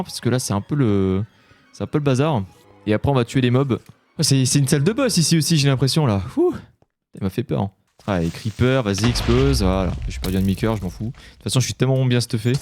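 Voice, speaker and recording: A man giving loud, jumpy commentary while playing a horror Minecraft mod, yelping when startled and swearing at the monsters. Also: medium pitch. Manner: talks to the game monsters. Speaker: gaming YouTuber. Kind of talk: live Minecraft let's-play commentary.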